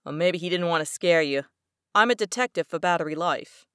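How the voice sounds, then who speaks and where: Casting: woman voicing a callous tough-guy male detective, lowish and dry, blunt slang. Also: brisk, a bit bright, clean tone, no echo, natural voice.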